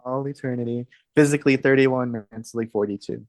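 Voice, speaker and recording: A woman in her thirties from Texas co-hosting a podcast, chatting in a relaxed, hesitant way with laughs. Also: rumbling low, brisk, no echo. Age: 30s. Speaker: podcast co-host. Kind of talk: casual chat.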